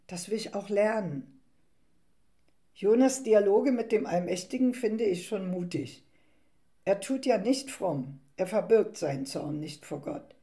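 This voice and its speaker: A woman retelling a Bible story in the first person and then reflecting on it in a calm, thoughtful way. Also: medium pitch.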